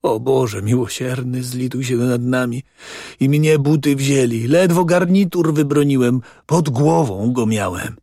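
A man reading as a tearful, whining man who pleads and laments a robbery in sobbing, monotonous words. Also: medium pitch, unhurried, no room sound, studio quality. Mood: lamenting.

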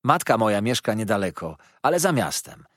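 A man voicing an elegant, nonchalant young male student in an audiobook reading, offhand and a bit condescending, with a husky voice. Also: lowish voice, very animated, fairly quick, a bit bright, no room sound, clean studio sound. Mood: breezy, nonchalant.

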